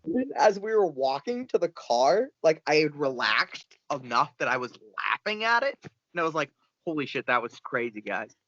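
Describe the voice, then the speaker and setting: A man with a lively, slightly high voice tells a story as a podcast guest, acting out the lines he quotes. The sound is dry and a little dull, like a lo-fi home recording. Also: moderate pace, no echo. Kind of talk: casual storytelling.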